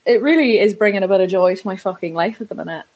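A woman's voice: medium pitch, fast, muffled recording. A woman leaving a casual, chatty voice message as a listener, affectionate, gushing and sweary.

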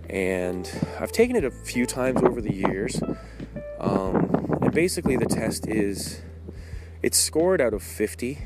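A man with a fairly low voice talks while walking outdoors. His monologue is casual, candid and rambling, often doubling back to restart a phrase. Music plays clearly behind him. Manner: candid, rambling delivery with repeated false starts. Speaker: podcast host. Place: outdoors in the woods, on a walk.

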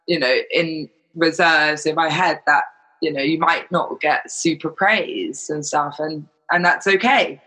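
A man with a fairly high, sharp and forceful voice that has a raspy edge. He chats casually and frankly, explaining his point and slipping into imagined quotes. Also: measured pace, low-quality recording. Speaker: charity volunteer. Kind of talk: casual chat.

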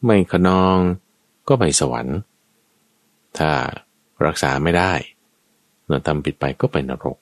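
A man with a low voice that rises and falls a great deal gives a dharma lesson point by point, dropping in everyday examples as he goes. The sound is dry and close, with no room around it. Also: lively intonation, slow pace, long pauses, no echo. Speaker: dharma teacher. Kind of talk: conversational Buddhist teaching.

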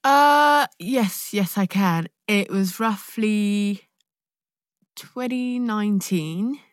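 A Nigerian-born actor who lives in London and speaks with a London accent appears as a podcast guest in a casual conversation. Her medium-pitched voice is extremely slow, and she is expressive and reflective, with playful asides. The clean studio recording has no room sound.

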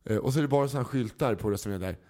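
Man telling lively anecdotes. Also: mid-range voice. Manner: animated anecdote teller, acts out quoted people. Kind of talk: casual storytelling chat.

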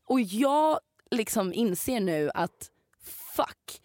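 With a slightly high voice, a young podcast co-host recounts a story in lively, casual fashion, cursing freely and performing other people's lines. The recording is studio quality, free of echo.

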